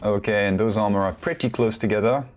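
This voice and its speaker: Guy with a lowish voice casting a game match, chatty and rambly, pokes fun at himself. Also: fairly even intonation, fast talker, slight background noise. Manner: rambling, self-deprecating asides. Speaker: match commentator. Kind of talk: casual solo game commentary.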